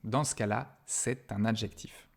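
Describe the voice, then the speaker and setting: A male university lecturer giving a recorded grammar lesson, patient and explanatory, often hesitating with fillers and slowing down to stress key words. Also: lowish voice, steady tone, vocal fry.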